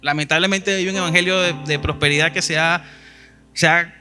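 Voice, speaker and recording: A man's voice: on the high side, fairly even intonation, a little fast, pushed and bright, soft background music. A man preaching a sermon, retelling scripture stories and reading verses aloud with emphasis.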